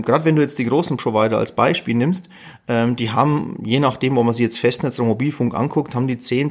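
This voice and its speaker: A man co-hosting a casual podcast, explaining his view calmly and working through examples. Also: mid-range voice. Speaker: podcast co-host. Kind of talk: casual chat.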